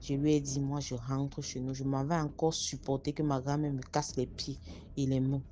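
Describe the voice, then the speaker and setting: A woman recounts her own experience in a casual, lively way, turning to her listeners to make them picture it. Her voice sits low and sounds dark and mellow. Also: normal speed, slight background noise. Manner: talks straight to listeners, vivid and animated. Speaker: storyteller. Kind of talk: casual first-person storytelling.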